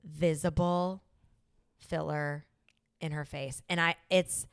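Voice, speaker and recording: A woman's voice: low-pitched, fairly even intonation, slow, clear, resonant tone. A young woman co-hosting a pop culture podcast in a casual chat, talking emphatically and restarting her sentences often. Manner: chatty, restarts a lot, emphatic opinions. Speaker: podcast co-host.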